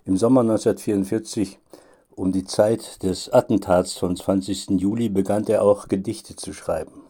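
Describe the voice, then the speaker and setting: Low mellow-voiced guy reading a phone devotion, calm and steady. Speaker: pastor giving a phone devotion. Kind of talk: read devotional sermon. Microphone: phone line recording.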